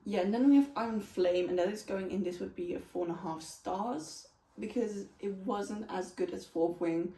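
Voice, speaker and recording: This book reviewer and vlogger, a non-native English speaker, talks to camera in a relaxed, frank way as she goes through books. Her voice is medium-pitched and dark, delivered at a moderate pace. The recording picks up roomy echo since she's distant from the microphone.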